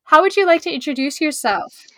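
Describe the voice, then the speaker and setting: Woman host, high pitch, measured scripted delivery, dry sound. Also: expressive, no echo. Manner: clear, measured reading. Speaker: podcast host. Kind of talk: scripted introduction and interview.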